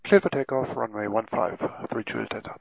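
A man's voice: on the low side, a little fast, vocal fry, slight background noise. A man talking as a pilot over a cockpit headset radio, making clipped, procedural calls. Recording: muffled lo-fi radio audio.

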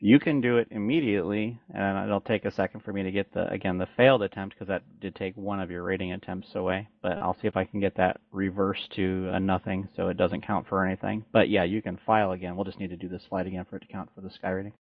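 A man's voice: low-pitched, flat delivery, quick pace, hardly any pauses, no echo. A man working as an air traffic controller, speaking in procedural radio style on dull, lo-fi audio.

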